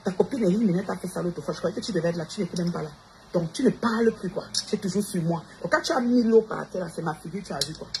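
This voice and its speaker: A woman's voice: fairly low pitch, fast. A woman, ranting defiantly on a livestream and calling out her rivals directly. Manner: defiant, addresses rivals directly with repeated challenges. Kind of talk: confrontational livestream rant. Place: Montreal. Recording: noisy background ambience.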